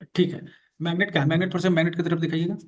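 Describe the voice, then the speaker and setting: Male teacher, fairly high voice, muffled call audio, patient and repetitive. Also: fairly even intonation, racing. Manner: patient, repeats key terms, directs a student. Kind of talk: online class on magnet therapy. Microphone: video call.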